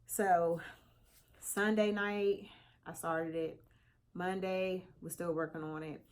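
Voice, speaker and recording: A middle-aged woman vlogging casually to her viewers, chatty and animated, slightly congested, calling them y'all. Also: fairly low pitch, slow. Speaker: crochet vlogger. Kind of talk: casual chat to camera.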